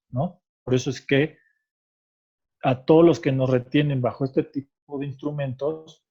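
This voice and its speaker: In a conversation, this man, a tax expert guest with a Mexican Spanish accent, walks through tax rules patiently and explanatorily. He tacks "¿ok?" onto his points to check comprehension. His medium-pitched voice is mellow and slightly rough, and the audio is dull.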